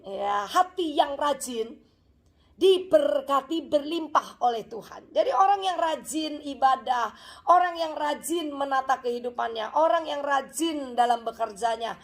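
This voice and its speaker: Woman pastor, sermon, chatty storytelling, gravelly, higher pitch. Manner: chatty, lively storytelling with audience asides. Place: church service.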